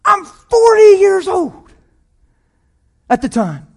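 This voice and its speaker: High-voiced man in his fifties preaching. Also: slow, creaky. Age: 50s. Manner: animated, laughs often, swings from hushed to shouting. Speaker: pastor. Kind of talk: sermon storytelling.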